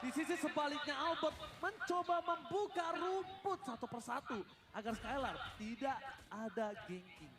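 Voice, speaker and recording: Male esports caster, Indonesian accent. Extremely high pitch, dramatic fighting-game-announcer delivery. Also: normal speed, background noise. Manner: dramatic, shouts key plays with English catchphrases. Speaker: esports match commentator.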